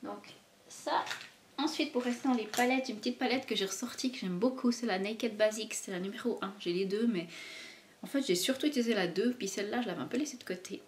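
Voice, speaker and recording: A woman's voice: fairly high pitch, fairly quick, slight background noise. Chatty woman, lots of fillers. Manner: chatty, hesitant with many fillers. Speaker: beauty vlogger. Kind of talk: casual product review chat.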